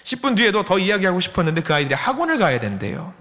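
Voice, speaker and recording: A male pastor delivers a sermon in a fairly high, bright voice, asking the congregation questions and acting out dialogue as he tells a story. His pitch swings widely and the hall gives a long reverb. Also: very animated, racing. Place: church sanctuary.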